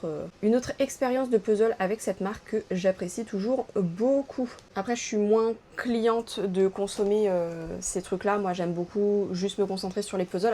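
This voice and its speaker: A woman's voice: medium pitch, warm tone. A young French woman chatting enthusiastically in a casual vlog about puzzles. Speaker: puzzle YouTuber.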